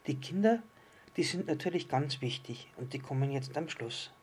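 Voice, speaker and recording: A man voicing a patient, kindly island fish who calmly explains things in a storybook reading. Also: fairly high pitch, normal speed, slightly rough. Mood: explaining. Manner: calm, explaining, gently teasing.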